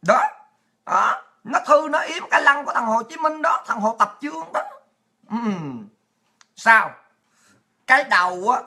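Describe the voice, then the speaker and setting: A woman's voice: on the high side, bright, forceful tone. A woman, delivering a sarcastic, crude political rant as the host of her own commentary show. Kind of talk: ranting monologue.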